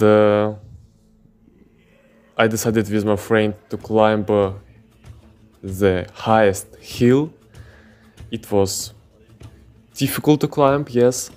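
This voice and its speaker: Seated on pillows indoors, this fitness channel host from Ukraine talks through a relaxed podcast monologue. A native Russian speaker, he works slowly through non-native English with many fillers, in a lowish voice of darker tone.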